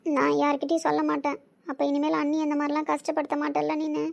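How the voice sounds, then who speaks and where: A woman voicing a gentle young sister who pleads softly with her older brother. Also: high-pitched, monotone, quick pace, creaky, dull audio. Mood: pleading. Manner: pleading, soft.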